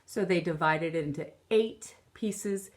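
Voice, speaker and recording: Her fairly low-pitched voice guides children through a picture book as this thirty-something elementary teacher reads aloud from home. She goes deliberately, explaining as she reads and emphasizing key words.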